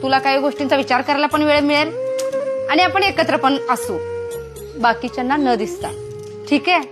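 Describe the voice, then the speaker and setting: A woman playing a calm elder sister-in-law who patiently persuades a younger woman to keep the family together. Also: high-pitched, normal speed, natural voice. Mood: reasoning. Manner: patient, persuasive, gently lecturing. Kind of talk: domestic skit monologue. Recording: music playing under voice. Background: background music.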